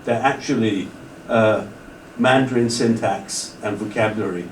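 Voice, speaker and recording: A lowish-voiced male lecturer takes his time over an audience question, speaking at a measured pace but wandering off, restarting often and saying "you know" a lot. He's captured from a distance in a roomy lecture hall, with a bit of background noise.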